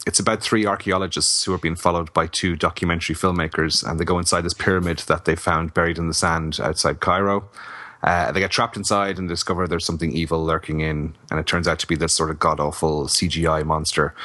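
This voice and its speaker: A man with a low, bright and forceful voice talks through a film review in a measured, dry way. The sound is close and dry, with no room around it. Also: no echo. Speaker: podcast co-host, film reviewer. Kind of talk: casual film review chat.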